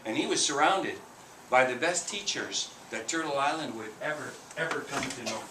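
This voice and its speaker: An author and storyteller reads his picture book aloud to children in a school room, animated, talking to them and asking questions along the way. His mid-range voice moves at normal speed, captured by a distant mic in a roomy space with heavy background noise.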